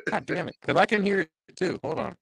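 A man's voice: sits high, big pitch swings, brisk, vocal fry, fairly bright tone, breathy edge. A man co-hosting a casual sports chat, his voice coming through robotic and metallic from a glitching mic. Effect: robotic, metallic glitching mic audio.

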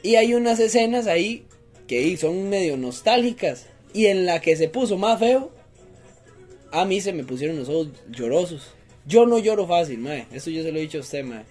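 A man's voice: high voice, normal speed, faint music behind. A young man with a Costa Rican accent, co-hosting a casual podcast and telling stories with lots of slang. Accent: Costa Rican Spanish. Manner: joking, animated storytelling with slang. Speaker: podcast co-host. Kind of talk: casual chat.

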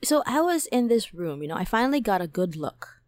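A woman hosting a podcast, telling a dream story in a casual, animated way, packed with "like" and "right?", her voice climbing high when excited. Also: brisk, no room sound, clean studio sound. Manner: animated, many fillers like "like" and "right?". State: toothache, on medication. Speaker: podcast host.

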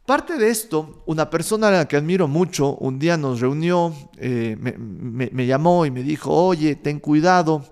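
A man, telling life stories in a frank, animated way and swearing casually. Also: fairly high pitch, moderate pace, hardly any pauses, smooth. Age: 30s. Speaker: vlogger sharing life lessons. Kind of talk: casual storytelling monologue.

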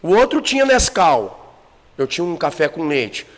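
A man's voice: fairly high pitch, very animated, moderate pace, big-room sound. A man with a Brazilian Portuguese accent in a casual podcast chat, telling a personal story bluntly and emotionally with plenty of swearing. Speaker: guest telling his life story.

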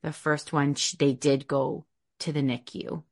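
Lower-pitched woman hosting a chat. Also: level tone, unhurried, darkish tone. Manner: affirming, talks in loose run-on phrases. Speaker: host, birth companion. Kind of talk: casual interview conversation.

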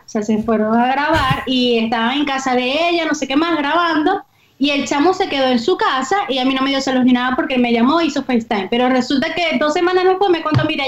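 A woman with a Venezuelan accent telling a story in casual chat, lively and a bit exasperated. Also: high-pitched, reverberant, muffled recording.

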